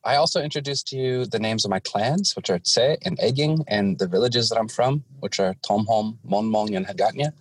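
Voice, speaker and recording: Low-voiced man from the Pacific Northwest, deliberate. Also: breathy edge. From Pacific Northwest, United States. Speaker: guest artist. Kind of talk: interview talk with self-introduction.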